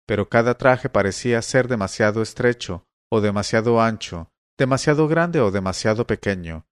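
A man reads a fantasy novel aloud in a measured, expressive audiobook style. His voice sits at a middle pitch. The recording is dry and close, with no room echo. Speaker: audiobook narrator. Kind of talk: audiobook reading.

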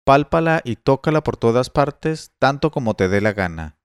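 A man voicing a coarse, stubborn Bedouin slave seller who talks loudly and bluntly in a read-aloud tale. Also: medium pitch, lively intonation, moderate pace, smooth, dry recording, studio quality, natural voice. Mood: gruff, stubborn.

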